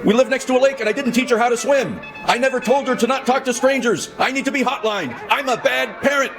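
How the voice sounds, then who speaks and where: A man's voice: very high voice, fast. A man voicing a distraught, self-blaming father in a comic film dub. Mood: wailing guilt. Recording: music behind the voice.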